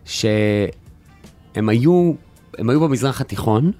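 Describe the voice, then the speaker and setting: A man's voice: medium pitch, expressive, dark tone, faint music behind. A man co-hosting a radio show, trading playful, teasing banter in casual chat. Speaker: radio co-host.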